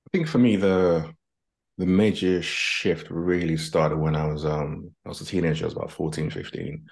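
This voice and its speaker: A Nigerian-born man raised in Britain, a guest executive coach, earnestly shares his story in reflective fashion over a video call from his home office, wearing a headset. His voice is low, gravelly and darkish, at normal speed.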